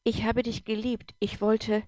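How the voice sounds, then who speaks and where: A woman doing a calm, firm mother. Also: fairly high pitch, a little slow, no room sound, natural voice. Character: caring foster mother, calm but firm. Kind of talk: audiobook character voice.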